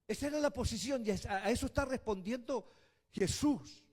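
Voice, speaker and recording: A man, a bishop preaching a sermon, who swings from quiet, slow passages to shouted emphasis. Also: very high voice. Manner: spells out words slowly.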